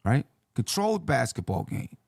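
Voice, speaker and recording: A man with a hoarse, yelled-out voice hosts a casual sports commentary, conversational and repeating phrases for emphasis. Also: mid-range voice, big pitch swings, moderate pace, no room sound, studio quality. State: hoarse voice from yelling. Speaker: sports show host.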